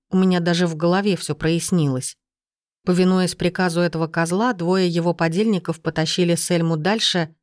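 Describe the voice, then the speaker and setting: A reader narrating a first-person fantasy audiobook in an even delivery. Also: medium pitch, dry recording, studio quality.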